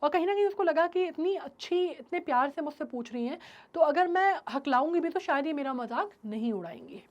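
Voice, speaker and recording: Female English tutor; high, friendly explainer who checks in often. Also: expressive, a little fast, highs cut off. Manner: retells in a mix of Hindi and English, checks in with "right?". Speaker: English teacher. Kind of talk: explaining a story in a recorded class.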